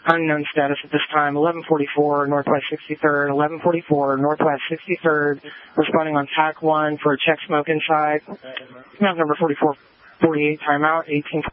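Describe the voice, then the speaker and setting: A male fire dispatcher heard over a two-way radio, his raised voice squeezed into a thin, tinny band. He reads units and addresses in an even, level tone, each call clipped and to the point. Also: fairly high pitch, a little fast. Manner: flat, clipped reading of codes and addresses.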